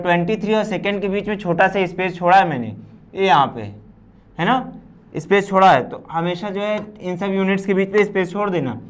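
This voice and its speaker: A man teaching a physics class, asking and answering his own questions and repeating points for the students. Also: sits high. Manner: addresses students as children. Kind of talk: recorded class lecture.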